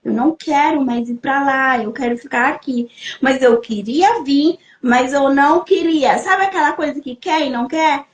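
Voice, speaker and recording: A young woman from Brazil tells her personal testimony with a high, emotional voice. She acts out the people she quotes and climbs higher in pitch when the story moves her. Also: moderate pace. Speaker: guest giving a testimony. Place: living in Germany, remote podcast.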